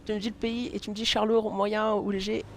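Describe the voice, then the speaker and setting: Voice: medium pitch, flat delivery, a little fast, slight background noise. A live streamer chatting casually while playing a game, hesitant, with many fillers and restarts, and laughing often.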